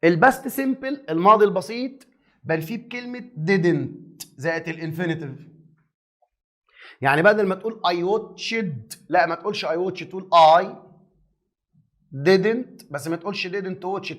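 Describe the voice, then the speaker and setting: A man with an Egyptian Arabic accent teaching an English grammar review lesson to exam students, lively and teasing, asking questions and answering them himself. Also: high-pitched, normal speed.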